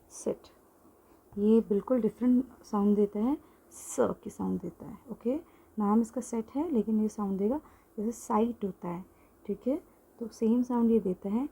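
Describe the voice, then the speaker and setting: Casting note: female teacher, unhurried and patient, slightly husky, mellow tone, casual online lesson. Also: mid-range voice. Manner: explains slowly and patiently, mixing in English phrases; writes on a board while explaining. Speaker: German language teacher.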